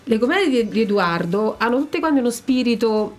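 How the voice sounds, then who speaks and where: A woman's voice: fairly high pitch, expressive, moderate pace. Talkative woman. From Ascoli area of Italy. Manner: talkative, opinionated. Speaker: amateur theatre company member being interviewed. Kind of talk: casual group interview chat.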